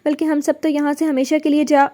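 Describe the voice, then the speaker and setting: A woman's voice: sits high, level tone, mellow, pitched above the performer's own voice, close to an everyday voice. A woman reading a story aloud, voicing a desperate man begging for his life. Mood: pleading. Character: desperate husband facing a killer.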